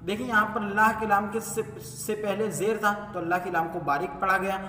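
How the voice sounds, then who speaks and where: Male recitation teacher, high bright voice, asks and answers his own questions, echoey hall, mic far off. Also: fairly even intonation, fairly quick, a little hiss or hum. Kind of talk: step-by-step tajweed lesson.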